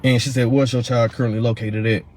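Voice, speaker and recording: A man's voice: mid-range voice, little pitch movement, darkish tone. Man, casual storytelling, repeats words, faint background hiss. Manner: fast, heated retelling full of fillers and repeats. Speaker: father of a missing woman's child.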